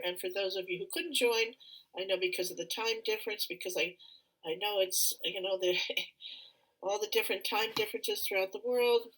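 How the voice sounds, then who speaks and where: A middle-aged woman, a feng shui consultant, gives a slide presentation with many fillers and a lot of throat clearing. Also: mid-range voice, a bit bright, rough recording. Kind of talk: live online presentation with slides.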